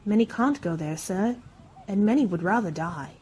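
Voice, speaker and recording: An actress playing a genteel, earnest Victorian charity collector in a radio drama, polite, formal and persuasive. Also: female voice, medium pitch, lively intonation, normal speed, darkish tone, breathy edge. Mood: firm.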